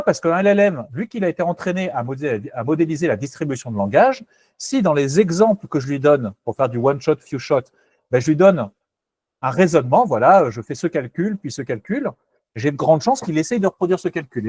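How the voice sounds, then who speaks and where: A man's voice: fairly high pitch, animated, fairly quick, a little mellow, slightly rough, no room sound. A man presenting a technical webinar, hesitant and self-correcting, candid and skeptical in tone.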